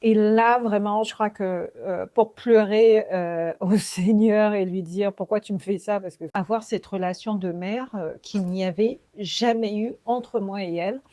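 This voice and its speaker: A woman in her forties from French Guiana hosts her own podcast and tells a personal faith testimony. She speaks slowly and reflectively, with earnest sincerity, and her voice has a mellow, warm tone. The recording is dry and close to the microphone. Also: mid-range voice, steady tone, no echo. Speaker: podcast host.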